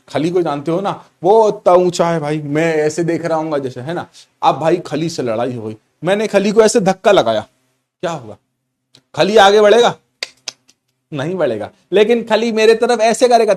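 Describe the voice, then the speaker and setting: A middle-aged man teaches physics online with a slightly high voice. He is playful and repeats each key point, calling his students his children. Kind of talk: online class lecture.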